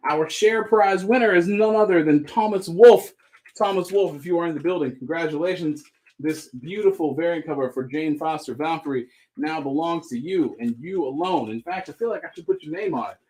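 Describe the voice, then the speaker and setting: Upbeat man pitching comics live. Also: brisk, a little mellow. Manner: upbeat, joking pitchman patter. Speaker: host selling comics on a live stream. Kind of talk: live sales chat.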